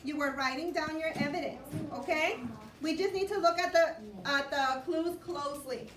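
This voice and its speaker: A woman's voice: sits high, moderate pace, faint music behind. A woman elementary school teacher giving young children classroom instructions, prompting them with questions and repeating what they need to do. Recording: roomy, distant classroom recording with clear noise.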